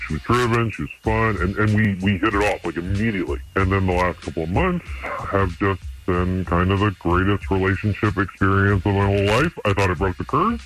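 A man calling in to a radio show and speaking in a casual, earnest, halting way, his voice electronically disguised and deepened. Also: fairly bright tone, low-quality recording. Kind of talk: casual phone-in confession.

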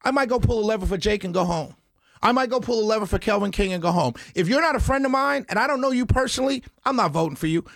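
Fiery high-voiced man ranting on radio. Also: expressive, fast, vocal fry, dry recording, studio quality. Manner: fiery, indignant, swings between loud outbursts and low mutters. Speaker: radio talk show host. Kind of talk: impassioned talk radio rant. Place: radio studio.

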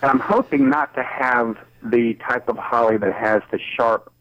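A man's voice: mid-range voice, measured pace, a bit bright, no echo. A man calling in to a radio show over the phone, politely and carefully describing what he wants, with some ums. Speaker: radio call-in caller. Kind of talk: casual chat. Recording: dull dry phone line.

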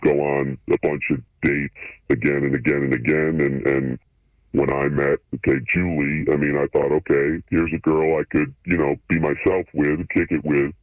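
A man speaking through a voice changer that shifts his voice deep, chatting in a laid-back, hesitant way as an anonymous radio guest. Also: little pitch movement, moderate pace, no echo. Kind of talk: casual chat. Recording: phone-like line through a voice changer.

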